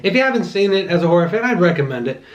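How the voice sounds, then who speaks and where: A young man with a slightly high voice chats loosely through a mukbang movie review. He rambles, restarts his sentences and leans on casual fillers. The talk stays relaxed and unscripted, like a host talking straight to his regular viewers. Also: racing, lo-fi sound. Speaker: channel host reviewing movies while eating.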